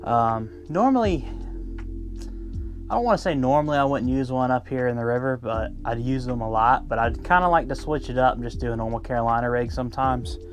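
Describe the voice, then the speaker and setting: Give me a chatty man on a river boat, mid-pitched, walking viewers through a rig with lots of ums. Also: brisk, faint music behind. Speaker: fishing vlogger. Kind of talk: casual how-to talk. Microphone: first-person camera.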